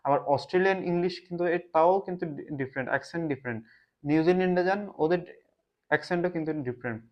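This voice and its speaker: A man from Bangladesh with a Bangladeshi Bengali accent talks casually to the camera in a reflective way, often pausing to search for words. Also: a little high. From Chittagong, Bangladesh. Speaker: vlogger. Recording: slightly dull lo-fi sound.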